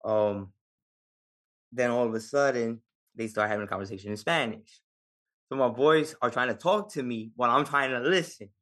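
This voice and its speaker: A man's voice: mid-range voice, normal speed, fairly bright tone. Podcast guest: New York Puerto Rican man, casual storyteller, laughs a lot, street slang. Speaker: podcast guest, Navy veteran.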